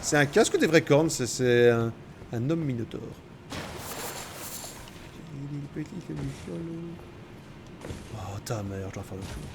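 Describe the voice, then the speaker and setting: A man's voice: mid-range voice, expressive, unhurried, vocal fry, pauses often, noisy background. A man commenting casually on his own gameplay, sarcastic and joking, talking to himself and the enemies on screen. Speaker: gamer playing through a game. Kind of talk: casual let's-play commentary.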